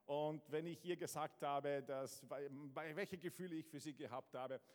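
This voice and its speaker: Preaching at a normal speed with a steady tone, a man whose voice sits on the high side gives a lively sermon as a guest pastor. He comes from Southern Italy, has an Italian accent, and often stumbles and restarts despite his energy. Long reverb from the large church hall fills the recording, with the congregation present.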